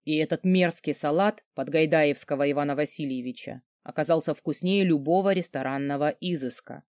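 A man's voice: fairly high pitch, brisk, a little mellow, no room sound, clean studio sound. Sardonic male audiobook narrator. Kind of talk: first-person novel narration.

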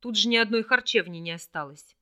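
A woman's voice: mid-range voice, fairly quick, pushed and bright, close to an everyday voice. A woman voicing a grumbling, food-minded young man in an audiobook, who talks in complaints. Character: grumbling hungry young male companion.

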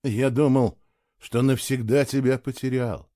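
A man voicing a grown man who speaks low and firm, a jealous lover turning tender, in a storybook reading. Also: little pitch movement, unhurried, dark tone, dry recording, studio quality, lightly acted. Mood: tender, hushed.

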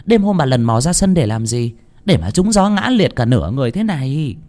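A man's voice: medium pitch, sing-song, brisk, a little mellow, pitched above the performer's own voice, natural voice. A man voicing a scornful married daughter in an audio story, cursing her bedridden mother. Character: sneering middle-aged married daughter, scornful.

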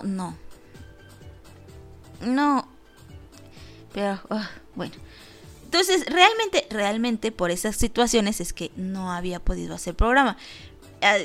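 A woman with a Mexican Spanish accent hosting a radio show, telling a story in a lively, casual way, acting out the voices she quotes and laughing often. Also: mid-range voice.

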